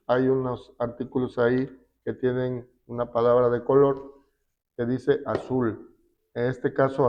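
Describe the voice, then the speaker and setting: A man teaching a class, slowly explaining a spreadsheet step by step with fillers. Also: medium pitch. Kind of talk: classroom software lesson. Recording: dull lo-fi recording.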